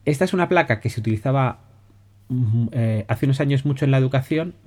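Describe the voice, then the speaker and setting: A man with a Spain Spanish accent hosts a podcast, explaining educational software in a casual, conversational way, often restarting phrases and checking in with listeners. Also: mid-range voice, quick pace. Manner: relaxed, conversational, many restarts and "¿vale?" checks.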